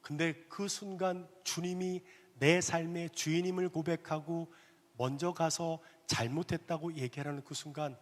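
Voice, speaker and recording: A male pastor preaches in an animated storytelling way, now and then dropping to a hush. His voice sits somewhat high. A long reverb rolls through the church sanctuary. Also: moderate pace. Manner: animated, dropping to hushed asides. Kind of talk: storytelling sermon.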